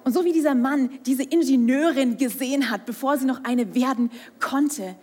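A woman's voice: high voice, moderate pace, darkish tone. A young woman preaching a sermon, speaking with emphasis, asking rhetorical questions and sometimes dropping to a whisper. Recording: hall with long reverb.

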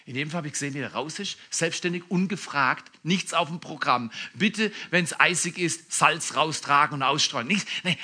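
Brief: male pastor, sermon, high bright voice, emphatic storyteller. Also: breathy edge. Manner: animated, emphatic storytelling with asides.

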